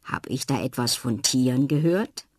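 A woman's voice: rumbling low, moderate pace, husky, dry recording, clean studio sound, pitched below the performer's own voice. A woman playing a friendly old magician. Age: older. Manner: warm, welcoming, gentle.

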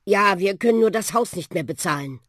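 A reader voicing a young boy in a children's audiobook, excitable and wide-eyed. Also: medium pitch, brisk, dry recording, clean studio sound. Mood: subdued. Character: young boy, startled then sad. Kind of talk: audiobook role voice.

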